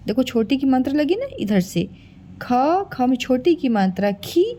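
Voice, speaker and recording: A woman's voice: sits high, animated, dark tone, a little hiss or hum. A woman teaching a children's spelling lesson, sounding out words syllable by syllable in a coaxing way. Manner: slow, drawn-out syllable-by-syllable teaching; coaxing, addresses listeners as children.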